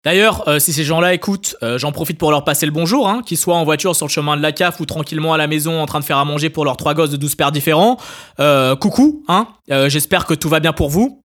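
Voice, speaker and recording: A man's voice: on the high side, steady tone, a bit bright. A French man hosting a comedy podcast, sarcastic and full of asides. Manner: sarcastic, rapid, peppered with hein and tu vois. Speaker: podcast host. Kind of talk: scripted comedy monologue.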